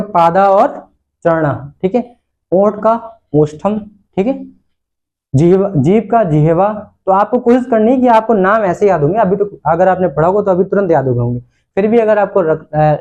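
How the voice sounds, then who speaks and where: A man's voice: sits high, darkish tone, lo-fi sound. A man teaches Sanskrit words in a classroom lecture. He repeats each term, then asks and answers his own questions. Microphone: recorded lesson video.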